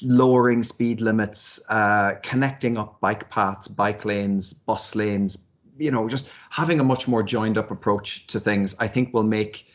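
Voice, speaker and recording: A man's voice: lowish voice, steady tone, a little slow. A man giving thoughtful, hesitant interview answers, often repeating words as he works out his ideas. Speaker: university lecturer and researcher, interviewee.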